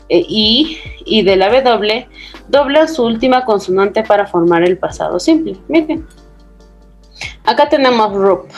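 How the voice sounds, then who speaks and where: A woman teaching an English grammar lesson to secondary students, explaining patiently and checking in with frequent questions. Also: mid-range voice. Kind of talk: recorded class explanation.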